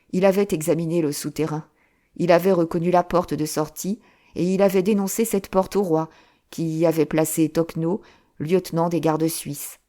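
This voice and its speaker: A woman narrating an audiobook of a classic novel in a steady, measured storytelling voice. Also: on the low side.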